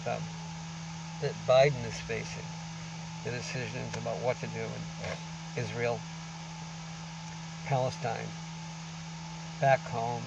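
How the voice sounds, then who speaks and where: A man talking through a face mask in a rambling, informal monologue to camera, halting but emphatic as he lectures. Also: medium pitch, vocal fry, distant mic, very noisy. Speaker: vlogger. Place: outdoors on a beach.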